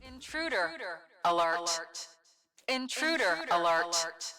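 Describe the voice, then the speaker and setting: Lady voicing a stern security alarm from a game, low flat robot drone, loud music behind. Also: slow. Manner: flat, clipped announcements. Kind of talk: reading game text aloud on a stream.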